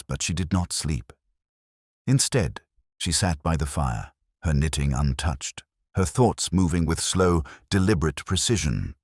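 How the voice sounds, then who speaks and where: Male narrator, very deep, lively intonation, dry close recording; calm measured audiobook storytelling. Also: dry recording.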